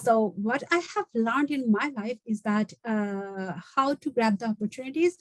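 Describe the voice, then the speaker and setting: A woman's voice: a little high, moderate pace, dry recording, poor audio. A Bangladeshi woman in her late twenties, giving an earnest online talk and switching between Bangla and English mid-sentence. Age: late 20s. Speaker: guest speaker. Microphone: video call.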